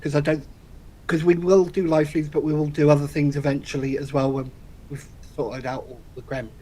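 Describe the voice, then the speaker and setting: A man co-hosting a podcast, laid-back and quick to laugh, trailing off mid-sentence. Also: on the high side, little pitch movement, warm tone. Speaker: podcast co-host. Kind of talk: casual chat.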